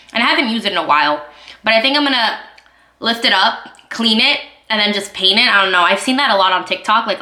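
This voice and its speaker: A woman's voice: a little high, pushed and bright. A woman in her twenties chatting casually at home over breakfast, full of fillers like "like", sometimes talking with her mouth full. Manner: chatty, filler-heavy talk, eating while speaking. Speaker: vlogger. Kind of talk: casual chat. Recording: echoey room.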